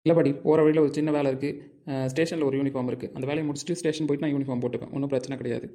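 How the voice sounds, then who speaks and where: A man's voice: medium pitch, steady tone, warm tone, close to an everyday voice. A man playing a young police officer grandson in an amateur audio drama, speaking in a reassuring way. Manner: reassuring, fast-talking.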